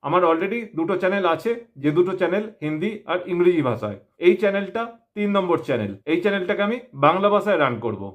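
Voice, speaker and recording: Quick, high-voiced masked Bengali man. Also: animated. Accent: Bengali from West Bengal. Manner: speaking through a face mask. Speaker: YouTube opinion channel host. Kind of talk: self-introduction talk to viewers.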